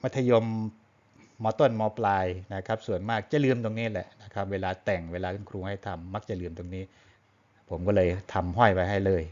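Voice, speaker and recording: Male teacher, lower voice, patient and polite, lecture delivery, muffled lo-fi audio. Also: steady tone, a little fast, a little mellow. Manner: patient and explanatory, ends phrases with polite particles. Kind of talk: classroom-style lesson on Thai poetry.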